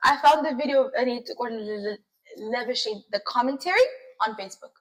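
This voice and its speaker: A young woman co-hosting a casual chat and telling a story in an animated, emphatic way. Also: high-pitched, racing, rough recording. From United States. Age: young adult. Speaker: co-host.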